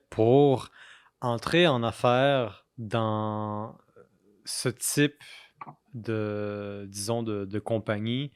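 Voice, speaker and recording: Podcast host, man, slow and deliberate, dry close recording. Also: on the low side, smooth, dry recording. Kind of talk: interview questions.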